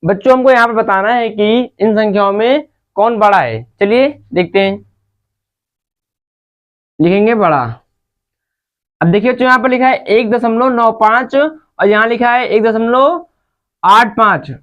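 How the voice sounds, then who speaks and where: A woman's voice: a little high, measured pace, pauses often, highs cut off. A woman teaching a maths lesson to children, patient and step by step, often calling out to the kids. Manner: patient, repeatedly addresses the children.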